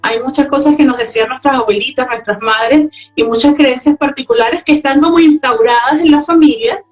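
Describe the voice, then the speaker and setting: Venezuelan woman guest, reflective and high-pitched, muffled lo-fi audio. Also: a little fast, soft background music. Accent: Venezuelan Spanish. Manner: reflective, often adds tag questions. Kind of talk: casual interview chat.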